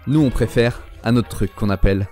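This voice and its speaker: A man playing a wry, proud young male villager narrating an animated film, as amateur dubbing. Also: fairly low pitch, moderate pace, soft background music, natural voice.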